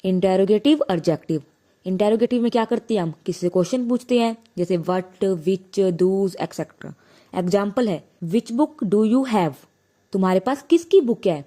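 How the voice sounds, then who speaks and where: Mellow-voiced woman teaching grammar. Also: medium pitch, expressive. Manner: explains slowly, asking and answering her own questions. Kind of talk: grammar lesson.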